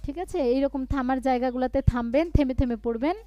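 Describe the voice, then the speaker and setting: A woman teaching Quran reading in a live online class. She chants verses slowly and then explains quickly how to pause. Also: sits high, steady tone, dark tone, no room sound, muffled recording. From Bangladesh.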